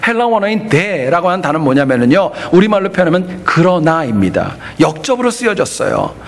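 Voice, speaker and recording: A man's voice: high voice, sing-song, fairly quick. Pastor guy giving a sermon, earnest w/ some jokes, voice jumps up and down a lot. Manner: earnest teaching with humorous asides. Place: church.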